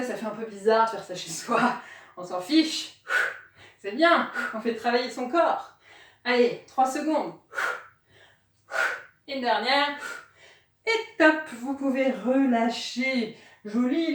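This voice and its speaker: A woman's voice: high voice, unhurried, long pauses, a little hiss or hum. A woman leading a home workout, cueing breathing and counting aloud, a little out of breath as she demonstrates. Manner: encouraging, counts out loud and cues breathing. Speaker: fitness instructor. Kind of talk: guided home workout coaching. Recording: echoey room, voice from far off.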